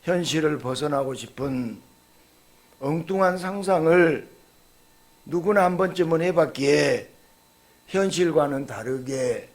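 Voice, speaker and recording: A man preaching a sermon as pastor, emphatic and folksy, with loud proclaiming exclamations. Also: a little high, unhurried, pauses often. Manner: folksy, telling jokes to the congregation.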